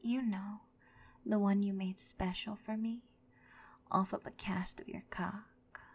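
A woman's voice: medium pitch, steady tone, slow pace, a little mellow, breathy edge. A woman voicing a vindictive jilted ex-girlfriend in an audio roleplay, often whispering as she gloats. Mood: taunting.

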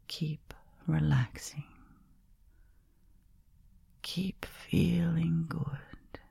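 A woman whispering softly and slowly close to the microphone, soothing a listener toward sleep in a caretaker roleplay. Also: sits low, vocal fry, slightly rough, no echo. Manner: soft, slow, soothing whisper.

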